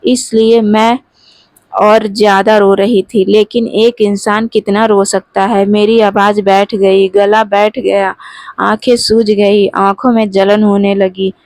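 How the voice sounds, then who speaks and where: A woman narrating a sad first-person story in a calm, steady way. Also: medium pitch, takes it slowly, no echo.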